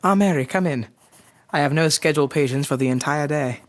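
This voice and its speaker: A man's voice: on the high side, brisk, natural voice. Man acting as polite, genial Doctor Watson. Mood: mild, measured. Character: genial, loyal gentleman doctor, Victorian England. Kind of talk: audio drama acting.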